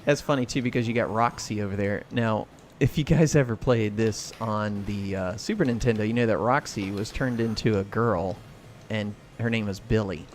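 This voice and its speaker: In a steady, lowish voice at normal speed, an American man hosts a livestream, commenting casually while gaming. The clear recording carries game sounds and clacking arcade buttons in the background.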